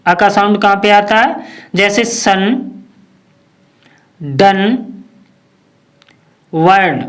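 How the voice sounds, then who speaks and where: A teacher giving a phonics lesson, slowly asking questions and repeating each word for the class. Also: mid-range voice, a bit bright.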